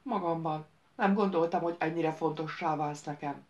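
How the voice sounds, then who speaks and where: A woman's voice: low voice, a little mellow, dull audio, natural voice. A woman reading an audiobook, voicing a grown man who speaks in an earnest, searching way.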